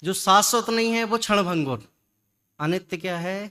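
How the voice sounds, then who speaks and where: A man giving a religious discourse, lively and full of rhetorical questions and repetition. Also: high voice, moderate pace, clean tone. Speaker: Jain scholar giving a discourse.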